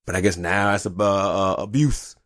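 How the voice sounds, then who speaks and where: A man hosting his own podcast, ranting in a profane, animated way, his pitch leaping as he gets worked up. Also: moderate pace, no room sound, clean studio sound. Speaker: podcast host. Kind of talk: solo rant podcast.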